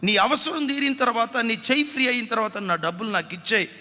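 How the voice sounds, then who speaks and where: A man voicing a trusting widowed sister-in-law who gently agrees to lend her money. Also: very high voice, quick pace, big-room sound, full character voice. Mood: tender.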